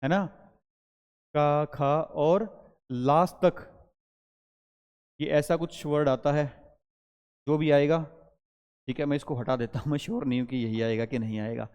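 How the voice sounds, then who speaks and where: A man's voice: fairly high pitch, steady tone, measured pace, long pauses, darkish tone, smooth, in a large hall. A male teacher giving a grammar lesson that mixes Hindi and English, explaining step by step and quizzing his students as he goes.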